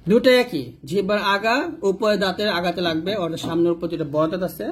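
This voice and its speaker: A man teaching Quran letter pronunciation, slowly drilling syllables and patiently repeating each point. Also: high-pitched, a little hiss or hum. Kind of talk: slow instructional explanation with drilled letter sounds.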